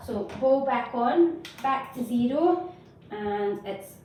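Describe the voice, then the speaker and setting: A woman's voice: a little high, expressive, slow, darkish tone. A woman hosting a baking demonstration for children, giving simple, encouraging step-by-step instructions. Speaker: host of a children's baking show. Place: indoor home kitchen. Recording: echoey noisy kitchen, distant mic, utensil clatter.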